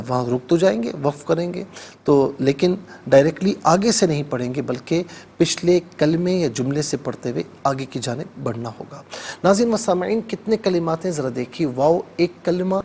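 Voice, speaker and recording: A man teaching Quran recitation on television in Urdu-accented speech, explaining each word methodically and chanting verses slowly. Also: fairly high pitch, vocal fry, mellow, a little hiss or hum. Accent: Pakistani Urdu. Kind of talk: televised tajweed lesson with slow chanted recitation.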